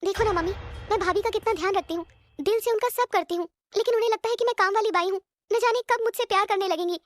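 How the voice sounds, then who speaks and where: A woman's voice: extremely high pitch, fast, faint music behind, pitched above the performer's own voice. A woman voicing a humble, kind-hearted young woman who serves her family without complaint. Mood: hurt. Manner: pleading, hurt.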